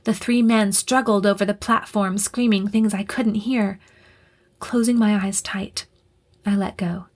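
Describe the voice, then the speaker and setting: A woman reading a first-person audiobook, her narration tense and breathy, often dropping into a half-whisper. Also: medium pitch, fairly even intonation, unhurried, a little mellow.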